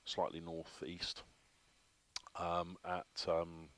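A man's voice: low-pitched, completely flat delivery, very slow, a bit bright. A man, instructing a trainee in a flight simulator cockpit, patiently explaining each step with frequent ums. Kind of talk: hands-on instruction.

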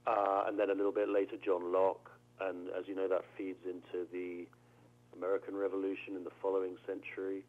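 A man's voice: sits low, completely flat delivery, fairly quick. A British man, a theologian, answering interview questions thoughtfully, often repeating words as he searches for phrasing. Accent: British English. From England. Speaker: theologian guest. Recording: narrow phone-like audio.

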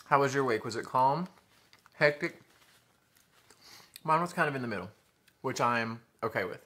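In a casual mukbang chat, a Southern man in his thirties speaks at medium pitch with lively intonation and a normal speed, his tone bright and forward. He's chatty, says y'all to viewers, and chews between remarks. The setting is a living room with a sofa and blinds, captured by a camera in front at table distance.

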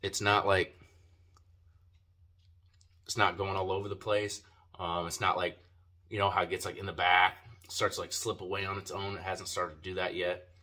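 Guy w a deep punchy voice doing a chill review, lip full of dip, cussing and slang. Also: flat delivery, moderate pace, pauses often, bright, forceful tone. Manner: laid-back, slangy and profane. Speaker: product reviewer. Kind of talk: casual video review chat.

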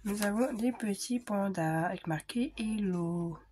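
A woman vlogging casually as she unpacks scrapbooking supplies, thinking aloud with frequent hesitations and quiet murmured asides. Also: mid-range voice, unhurried, a little hiss or hum. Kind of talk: casual unboxing chat.

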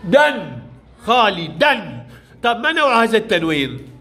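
A man's voice: high voice, sing-song, moderate pace, fairly bright tone. A male primary school teacher, giving a classroom reading lesson and prompting and praising pupils in short commands.

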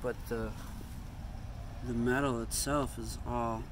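A man speaks slowly and flatly in a mid-range voice, casually commenting on what he sees as he walks around an outdoor parking lot. The vlogger thinks aloud and corrects himself, recording outdoors on a handheld phone with background noise.

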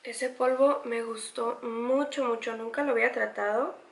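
A woman's voice: a little high, fairly even intonation, normal speed, gravelly, echoey room. A pregnant young woman walks through a makeup tutorial, chatty and enthusiastic, repeating words for emphasis. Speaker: beauty vlogger.

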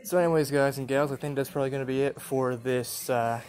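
A man's voice: mid-range voice, fast talker. Chatty young man rambling through a shop. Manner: rambling, chatty, laughs often, excited bursts at finds. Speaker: vlogger. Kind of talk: casual handheld shop walkthrough vlog. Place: large indoor antique mall with glass cases. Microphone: phone camera held while walking.

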